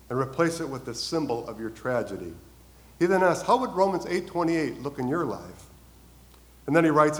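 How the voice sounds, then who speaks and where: A man preaching a sermon, telling personal stories in an earnest way, rising and then dropping softly on the key lines. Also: medium pitch, rough recording.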